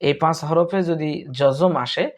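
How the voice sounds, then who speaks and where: A man with a Bangladeshi Bengali accent teaching Quran recitation, chanting verses slowly and spelling out letters syllable by syllable. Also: fairly high pitch, steady tone. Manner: slow, drawn-out melodic recitation; patient step-by-step teaching, repeating syllables.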